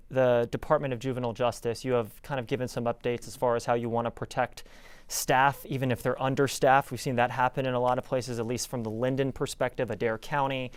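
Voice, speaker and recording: Male reporter, smooth clear voice, mid pitch, informal interview questioning, dry sound. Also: no room sound. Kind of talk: conversational news interview questioning.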